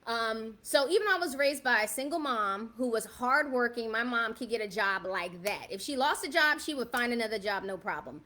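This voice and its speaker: Speaking at a moderate pace with hardly any pauses, this woman sounds fairly high-pitched, expressive, pushed, and bright. She's a South Bronx, New York native in her fifties hosting a casual livestream, talking directly to viewers and regularly asking "right?"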